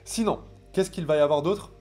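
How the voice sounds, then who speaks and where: Animated French trading coach, man. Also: fairly high pitch, brisk, soft background music. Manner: animated, conspiratorial asides, familiar address. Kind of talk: casual direct-to-camera advice.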